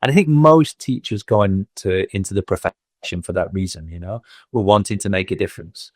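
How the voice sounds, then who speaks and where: Speaking briskly in a deep voice, a thirty-something Manchester man with a Mancunian accent talks about his career as a guest on a podcast. He runs a school and often reaches for fillers. The recording is dry and clean, studio style.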